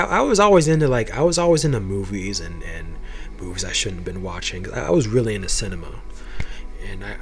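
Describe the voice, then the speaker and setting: Speaking to camera about his own life, a young man swears freely and stumbles over repeated words as he gets worked up. His voice is on the low side.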